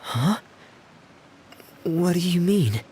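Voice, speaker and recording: Freminet, a quiet earnest teenage boy. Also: high voice, expressive, very slow, slight background noise, heavily acted. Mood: hesitant. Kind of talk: anime game voice acting.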